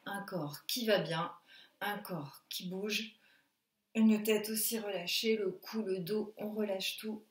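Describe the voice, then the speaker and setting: A woman teaching a singing lesson, coaching breathing and relaxation in a slow, calm way and demonstrating sung sounds. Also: medium pitch. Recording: echoey room.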